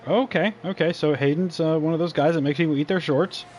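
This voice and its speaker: A man's voice: on the high side, a little mellow, slight background noise. Upbeat male esports race commentator. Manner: joking, quick shifts between play-by-play and banter. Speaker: sim racing commentator.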